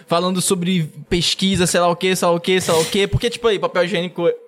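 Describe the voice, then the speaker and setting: A man with a Brazilian Portuguese accent in casual, slangy podcast chat, telling things in an animated, rambling way as a co-host. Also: high-pitched, fast, faint music behind.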